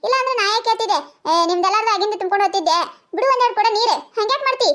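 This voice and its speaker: A woman with a North Karnataka Kannada accent voicing a quarrelsome young village woman for a cartoon, shrill and bickering. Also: very fast, fairly bright tone. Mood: pleading, teasing. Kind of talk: cartoon voice acting.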